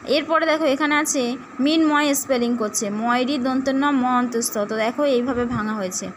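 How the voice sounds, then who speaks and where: A woman with a high voice runs a primary school language lesson. She goes through example words one at a time in a slow, methodical way. A faint hiss sits under the recording. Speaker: teacher.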